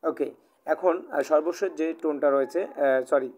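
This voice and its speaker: A man's voice: a little high, normal speed, a little mellow, highs cut off. A man with a Bangladeshi Bengali accent teaching Chinese in a live online class, patient, repeating and rephrasing himself with many "ah" fillers. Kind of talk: live online language class, oral exam.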